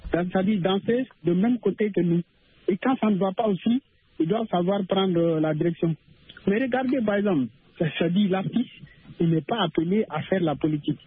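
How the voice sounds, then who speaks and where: A man's voice: high voice, moderate pace, breathy edge. A man with a Senegalese French accent calling in to a radio show over a phone line, earnest and repeating words when stuck.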